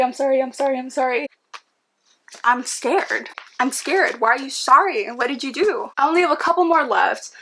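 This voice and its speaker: A woman's voice: on the high side, a bit bright, a little hiss or hum. A young woman chatting casually to camera about books she wants to read, gushing and full of "like" fillers. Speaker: book vlogger. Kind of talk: casual book chat to camera. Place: home room with book cart.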